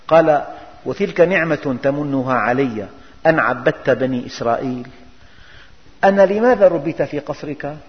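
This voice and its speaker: A man giving a religious lesson, emphatic and full of rhetorical questions. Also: a little high. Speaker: preacher. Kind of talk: religious lesson explaining scripture. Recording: dull recording, long hall reverb.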